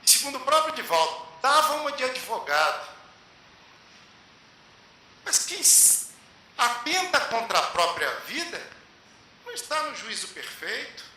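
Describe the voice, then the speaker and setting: A man tells a spiritual story in a lecture, with measured, emphatic pauses. His voice is high, very bright and lively in pitch. It rings in a very echoey hall over a faint hiss. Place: lecture hall at a public meeting.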